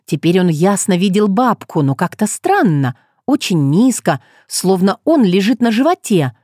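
A woman reading a story aloud as narrator in an expressive storytelling manner. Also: medium pitch, normal speed, no echo, clean studio sound. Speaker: audiobook narrator. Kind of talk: scripted narration.

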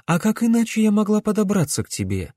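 A stern middle-aged necromancer woman speaks in measured, insistent sentences, voiced by a man reading an audiobook. Her voice sits somewhat higher than a man's plain voice. The sound is dry and close, with no room around it. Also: huge pitch swings, mellow, dry recording, heavily acted.

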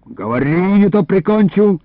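A man voicing a gruff old orchard keeper who barks threats at thieves, on a tinny radio recording. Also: high voice, lively intonation, moderate pace, dry recording, pitched above the performer's own voice. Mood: threatening. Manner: barking threats.

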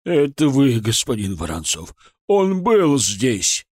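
A man's voice: mid-range voice, very animated, a little mellow, slightly rough, no echo, studio quality, exaggerated voice. A man doing a frightened, pleading ghost. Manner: pleading, drawn-out, fearful. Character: frightened ghost of an old male official. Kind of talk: audiobook character voice.

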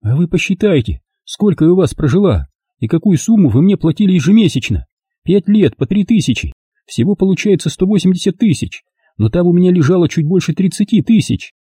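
A man's voice: high voice, very animated, a little fast, warm tone, breathy edge, no echo, studio quality, pitched above the performer's own voice, heavily acted. A man reading an audiobook, voicing a desperate, tearful young housemaid who pleads bitterly. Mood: pleading.

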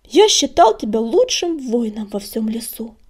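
A woman's voice: a little high, big pitch swings, measured pace, breathy edge, heavily acted. A woman doing a resentful striped tomcat. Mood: bitter reproach. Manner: loud, reproachful. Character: striped male warrior cat, hurt, resentful.

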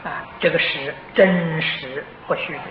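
A man's voice: on the high side, steady tone. Older man giving a patient sutra lecture. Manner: slow and patient, many drawn-out "ah" fillers; clears throat now and then. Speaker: Buddhist teacher. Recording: dull, roomy, noisy old tape of a lecture hall.

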